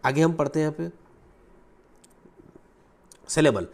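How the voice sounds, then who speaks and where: A man teaching English grammar in Hindi, mixing in English terms and repeating key words slowly. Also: fairly high pitch, creaky. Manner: lively teacherly delivery, asks and answers own questions.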